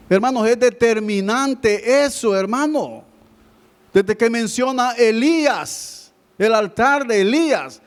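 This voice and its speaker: High-voiced preaching man. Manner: keeps addressing listeners as brother, swings between loud and hushed. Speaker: pastor. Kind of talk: sermon.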